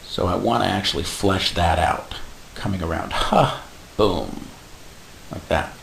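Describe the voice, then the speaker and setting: A man explaining animation software step by step in a casual tutorial, adding little sound effects like "boom". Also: steady tone, moderate pace, creaky. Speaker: animation instructor. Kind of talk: screen-recorded software tutorial. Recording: echoey room with faint hiss.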